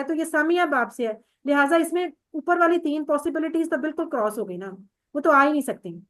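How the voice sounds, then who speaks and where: High-voiced woman teaching Arabic grammar. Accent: Pakistani Urdu. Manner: patient, drills verb forms and quizzes students by name. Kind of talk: online class teaching.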